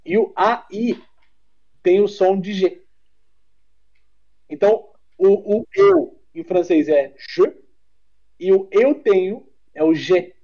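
A man's voice: sits high, takes it slowly, pauses often, dull audio. A Brazilian man with a Brazilian Portuguese accent, a podcast guest chatting bluntly and swearing freely. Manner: blunt, swearing, animated storyteller. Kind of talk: casual chat.

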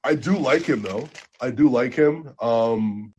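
A man co-hosting a podcast, chatting casually about basketball transfers with animated jumps in excitement. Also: medium pitch, slow, slight background noise. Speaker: podcast co-host. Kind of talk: casual sports chat.

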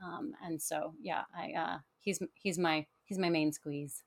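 A woman with a slightly low voice talks as a podcast guest. She explains things in a conversational way, often restarting and repeating words as she goes. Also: steady tone, a little slow. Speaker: podcast guest, author and tour guide. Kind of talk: casual conversational interview.

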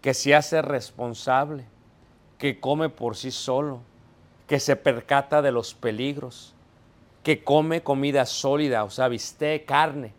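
A man's voice: mid-range voice, steady tone, slow pace. A man preaching a sermon, putting questions to the congregation, answering them himself and acting out everyday scenes in quoted voices.

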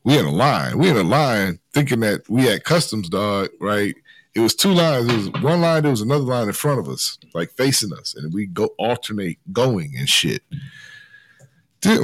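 A man's voice: on the low side, no echo. Chill guy telling a travel story, cussing a lot, dead dry sound. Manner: laid-back, profane, slangy storyteller. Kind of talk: casual storytelling chat.

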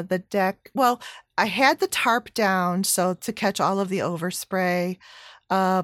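A DIY vlogger chats casually about a home project, rambling with fillers and correcting herself as she goes. Her voice is medium-pitched, and the recording is dry and studio quality.

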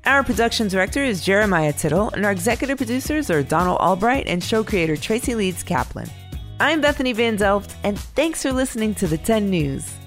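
A woman hosting a children's news podcast, explaining things in a bright, storytelling way. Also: mid-range voice, lively intonation, brisk, faint music behind. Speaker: kids' news podcast host. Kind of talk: scripted narration for children.

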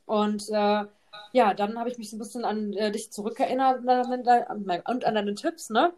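A young woman, a mother, telling a long story in a casual podcast chat, tagging her sentences with a quick "ne?". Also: a little high, steady tone, darkish tone. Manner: chatty storytelling, constant tag "ne?". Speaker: podcast host, mother of two.

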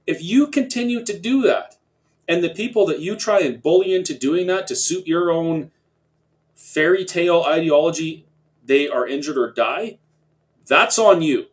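A man hosting a discussion, speaking earnestly and building to forceful declarations. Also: a little high, animated, moderate pace. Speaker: host. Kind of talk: talk-show discussion.

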